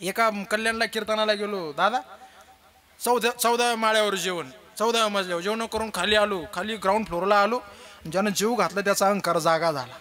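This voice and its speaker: High, bright-voiced Marathi kirtan preacher. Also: male voice, a little fast. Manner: animated, acts out characters' voices, jokes with audience. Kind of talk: kirtan sermon with storytelling.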